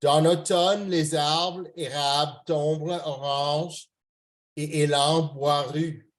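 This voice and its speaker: A French-speaking Canadian man reads his poetry at an open mic over a video call, slow, careful and polite. His voice sits on the high side with fairly even intonation.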